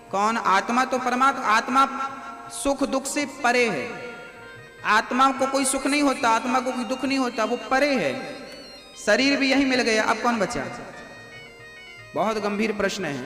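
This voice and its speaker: A man preaches a devotional sermon to a live audience in a very high voice. He keeps putting questions to the listeners and slows down to recite verses. A long echo from a large hall surrounds him, with clear instrumental music behind. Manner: asks the audience questions, recites couplets slowly. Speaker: spiritual preacher. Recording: echoey hall recording with music.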